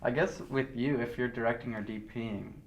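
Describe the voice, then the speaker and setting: A man's voice: mid-range voice, steady tone, brisk, echoey room, low-quality recording. Man asking easy follow-up questions. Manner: friendly, asks follow-up questions. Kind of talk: casual podcast interview. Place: podcast studio.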